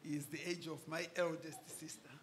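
A middle-aged Southern African man with a hoarse, raspy, nearly lost voice, giving a church welcome in short phrases as a pastor. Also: a little high, level tone, fairly quick. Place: indoor church service at a lectern. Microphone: stand microphone close to mouth.

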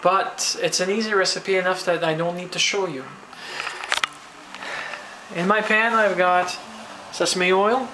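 In his home kitchen in New Brunswick, Canada, a man records a casual cooking vlog on a handheld camera, with background noise audible. He speaks in a high voice, a little slowly and with frequent pauses, rambling comfortably through fillers and restarts.

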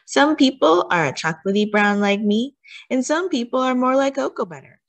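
A high, expressive female voice belongs to a story time host reading a children's picture book aloud. She speaks with deliberate, teacherly emphasis and puts questions to her young listeners.

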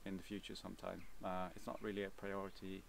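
A young man with a Swedish accent answers viewer questions outdoors in a relaxed, hesitant way, with many fillers and restarts. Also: sits low, quick pace, vocal fry, recorded from a distance, a little hiss or hum. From Sweden. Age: young adult. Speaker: vlogger. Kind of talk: casual Q&A answers. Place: outdoors, seated on a cabin bench by woods.

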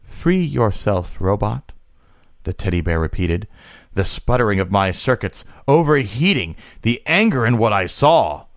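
Low-voiced man slowly reading a story. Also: very animated, no echo, studio quality. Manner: slow, measured reading with occasional stumbles. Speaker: podcast co-host reading a story aloud. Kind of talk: deliberate read-aloud of a short story.

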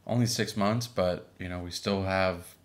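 Deep-voiced man, easygoing podcast co-host. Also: a little slow. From Boston, Massachusetts. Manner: relaxed, with frequent fillers. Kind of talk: casual chat.

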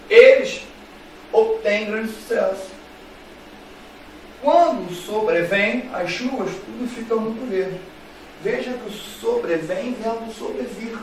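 Addressing his students directly, a high-voiced man with a Brazilian Portuguese accent runs a playful, repetitive grammar lesson. The recording picks him up from a distance in a very echoey space, and there is a slight hiss or hum.

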